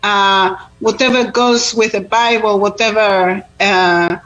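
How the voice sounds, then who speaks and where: A woman's voice: medium pitch, fairly even intonation, slow pace, a bit bright, muffled recording, soft background music. A woman, born in Israel and raised in Argentina, talks earnestly in an interview about faith, with many fillers and repetitions. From born in Israel, grew up in Argentina. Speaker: tour guide and Bible teacher.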